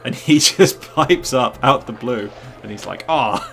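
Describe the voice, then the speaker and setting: A man's voice: medium pitch, animated, a little slow, gravelly, a bit bright, soft background music. A man streaming live gameplay who rambles, jokes and chats with his viewers. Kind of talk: casual live gameplay commentary.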